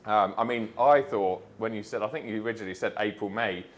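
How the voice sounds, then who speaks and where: A man's voice: on the low side, fast talker. A man chatting enthusiastically as a vlogger while collecting his new car at a dealership. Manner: enthusiastic, chatty, says "mate". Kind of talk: casual chat.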